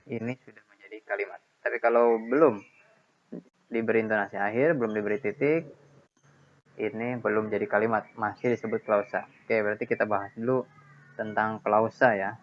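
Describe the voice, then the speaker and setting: A man's voice: on the low side, steady tone, brisk, slight background noise. A man teaching a grammar lesson, explaining patiently and repeating key points with checks like "ya" and "nah". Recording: dull lo-fi sound.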